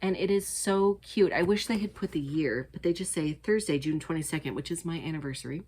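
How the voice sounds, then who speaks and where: Woman host, low pitch, middle-aged, warm chatty delivery with lots of ums; casual knitting-show talk. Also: brisk, breathy edge. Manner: chatty, enthusiastic, many fillers. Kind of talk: casual chat to camera.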